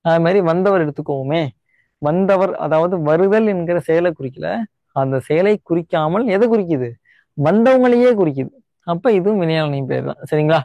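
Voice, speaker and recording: A man's voice: on the high side, warm tone, dry recording, dull audio. A young man with a Tamil Nadu Tamil accent, teaching grammar for a government exam, explaining step by step and often asking "right?" to check in with his students. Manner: repeats key words slowly to stress them. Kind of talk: online exam-prep lesson.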